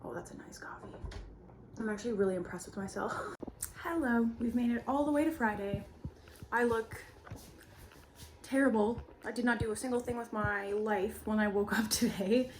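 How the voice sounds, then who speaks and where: A woman's voice: a little high, moderate pace, noisy background. A young woman vlogging casually at home, chatty and self-deprecating, laughing often. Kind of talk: casual food vlog chat. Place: indoors at home.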